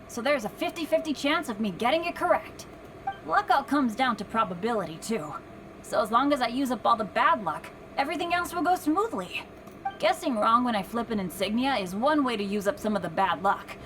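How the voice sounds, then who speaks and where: Unlucky teen boy, boyish, high, lively intonation, earnest, video game acting. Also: brisk, low-quality recording. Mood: upbeat, confident. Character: unlucky teenage boy adventurer, earnest, upbeat, apologetic. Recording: music underneath.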